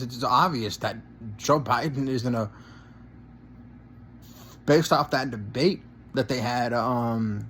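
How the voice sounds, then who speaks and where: A man's voice: mid-range voice, a bit bright, a little hiss or hum. A man giving a casual reaction commentary, rambling and repeating himself, often ending phrases with "man" and swearing. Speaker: gaming channel commentator.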